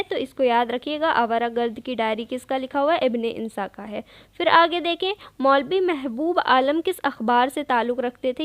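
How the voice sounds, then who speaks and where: A woman teacher going through exam questions one by one, patiently explaining and repeating each answer. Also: high-pitched. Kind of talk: exam revision lesson.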